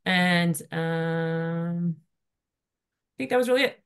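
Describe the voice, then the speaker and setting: A woman on a video call giving a quick, informal report from her breakout group, talking fast with lots of "um" and "you know". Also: lowish voice, smooth. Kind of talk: online workshop report-out.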